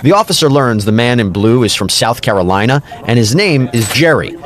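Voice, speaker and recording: A man's voice: medium pitch, expressive, brisk. An American man reading scripted true-crime narration as a storyteller.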